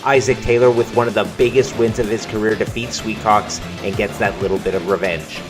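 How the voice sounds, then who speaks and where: A man calling play-by-play commentary on wrestling matches in a video game, with an energetic calling style and music playing behind. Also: on the low side, fairly quick.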